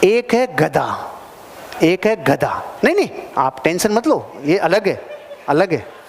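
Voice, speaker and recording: A man with a high voice gives a motivational talk to a seated crowd. He is animated and swings from loud bursts to low asides, often putting questions to his listeners. His voice rings with the long reverb of a big hall. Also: slow, gravelly, a little hiss or hum. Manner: addresses the audience directly with questions. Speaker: motivational speaker. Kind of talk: live motivational seminar talk. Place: large hall with a live audience.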